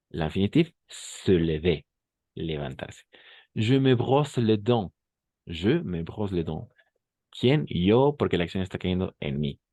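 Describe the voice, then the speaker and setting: A man teaching a language class in an unhurried, methodical way. His voice sits very low, and he repeats words and asks whether everyone follows. The sound is dry and close. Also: darkish tone, no echo. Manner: patient, repeats each phrase, often checks understanding. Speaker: French teacher. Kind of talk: bilingual language lesson.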